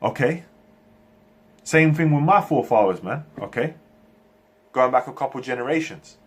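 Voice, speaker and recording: A man preaches at length, his voice a little rough and breathy at a middle pitch. He restarts his sentences often and closes almost every phrase with a "man" or an "okay". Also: lively intonation. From Turkey, raised in England. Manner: halting, frequent restarts. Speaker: religious speaker. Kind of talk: preaching monologue to camera.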